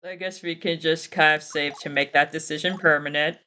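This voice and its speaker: A woman's voice: low voice, steady tone, fairly quick, sharp tone, smooth. A woman streaming a game, chatting casually and reading character profiles aloud.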